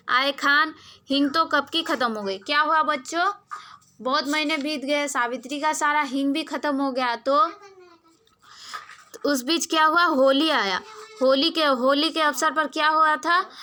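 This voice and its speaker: Woman teacher, high and bright voice, reads a story to pupils then retells it, asks the class questions, hesitant restarts. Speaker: school teacher. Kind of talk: reading a story aloud to pupils and explaining it.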